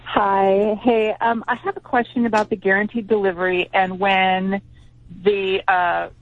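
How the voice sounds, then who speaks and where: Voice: medium pitch, little pitch movement, a little slow. A caller from Arizona phoning into a radio show, hesitantly explaining a shipping problem. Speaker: phone-in caller. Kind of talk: phone-in question. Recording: tinny phone line.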